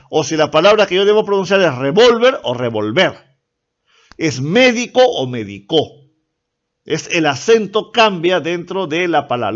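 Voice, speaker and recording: A man with a Peruvian Spanish accent teaching a language class, explaining step by step and often checking in with the students. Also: high-pitched. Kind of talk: online class lecture. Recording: dull lo-fi recording.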